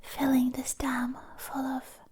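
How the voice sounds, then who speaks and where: A woman whispering a poetic ASMR monologue right in the listener's ear on a close binaural mic, in breathy, deliberate, lyrical phrases with long pauses. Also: sits high, completely flat delivery, a little mellow, slight background noise. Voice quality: breathy, mostly unvoiced whisper. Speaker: ASMR performer. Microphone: close binaural ASMR microphone.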